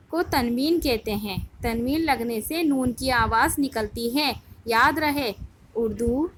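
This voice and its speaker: Woman schoolteacher, high-pitched, patient question-and-answer lesson style, faint background noise. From India. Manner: patient, asks the class questions and answers them herself. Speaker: school Urdu teacher. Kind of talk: recorded grammar lesson for children.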